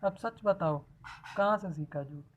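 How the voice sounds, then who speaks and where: A woman's voice: mid-range voice, a little slow, slight background noise. A woman questioning a little girl in a persistent, teasing way in a casual family video. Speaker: parent questioning a child.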